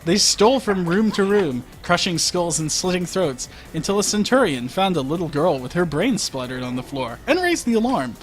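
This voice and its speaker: On a livestream, a man with a high-pitched voice reads comic fiction at a moderate pace with few pauses and lively intonation, faint music in the background. His delivery is wry, and he breaks off now and then to comment on the text.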